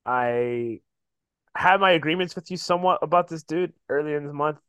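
A man's voice: a little high, normal speed, a bit bright, clean tone, dry recording, studio quality. A man chatting casually about sports as a podcast host, slangy and profane, often saying "bro".

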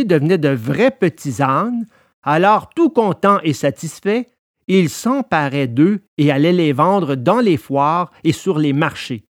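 A man narrating a storybook in an expressive, lively way. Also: fairly high pitch, no room sound, clean studio sound.

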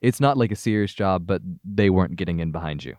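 A man running a tabletop game as game master, narrating scenes and rules in a lively way. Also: low voice, fast, no echo, studio quality.

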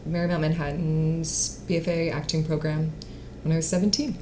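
In a casual interview chat, a singer-songwriter and actress in her late twenties speaks with a low-pitched, level, dark voice at a moderate pace. She uses fillers and laughs often, with slight background noise behind her.

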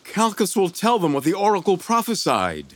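A man's voice: high-pitched, huge pitch swings, normal speed. An anguished tragic king. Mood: resigned. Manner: declamatory, grief-stricken stage delivery. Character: anguished king torn over his daughter. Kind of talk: audio stage drama.

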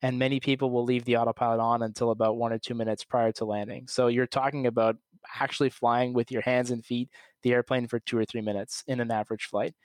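Calm, flat-voiced man explaining. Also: mid-range voice, quick pace, no echo. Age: young adult. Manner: calm, methodical, plain explaining. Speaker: commercial airline pilot, podcast guest. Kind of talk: explanatory interview answers.

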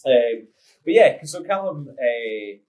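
A man's voice: medium pitch, lively intonation, slow pace, darkish tone, rough recording. A man hosting a podcast, chatting casually, laughing often and restarting his sentences. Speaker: podcast host. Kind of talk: casual interview chat.

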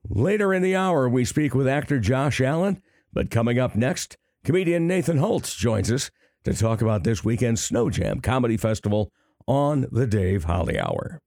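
Raspy, gravelly older man hosting a podcast. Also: mid-range voice, expressive, normal speed, a little mellow, no room sound, studio quality. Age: 60s. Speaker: podcast host. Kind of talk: conversational arts podcast hosting.

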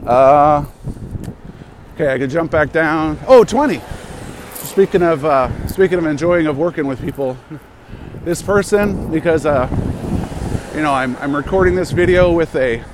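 A man's voice: on the high side, darkish tone, a little hiss or hum. A man, a teacher, talking casually and rambling to his class, full of fillers and restarts, recorded while driving. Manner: rambling, self-interrupting, many fillers. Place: driving in a car, outdoors in town.

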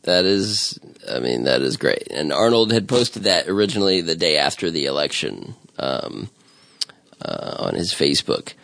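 A man's voice: low-pitched, big pitch swings, moderate pace, gravelly, a bit bright, no room sound. A man hosting a casual podcast chat, talking in a rambling, amused way with many restarts. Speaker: podcast host.

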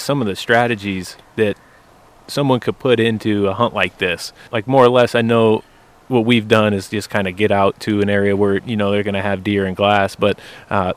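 A man hosting a casual podcast chat, recorded outdoors by a campfire. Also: on the low side. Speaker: podcast host. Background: running generator.

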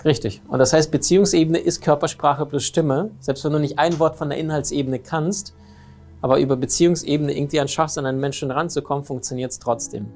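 A man giving a lively motivational talk on relationships, often asking his listeners questions. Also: on the high side, a little fast, faint music behind. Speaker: speaker on communication and relationships.

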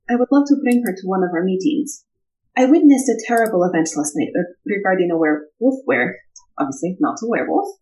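An earnest young Vistani woman with a put-on accent, played by a woman at a tabletop game. She speaks formally and deliberately, with a lively pitch that rises and falls. She sounds homesick yet determined. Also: close to an everyday voice, poor audio.

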